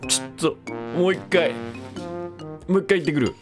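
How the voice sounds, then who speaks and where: A man giving casual, excitable commentary over his own gameplay, breaking into panicky repeated exclamations. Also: a little high, normal speed, music in the background. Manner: playful self-introduction with a mock-dramatic recap. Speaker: game commentator.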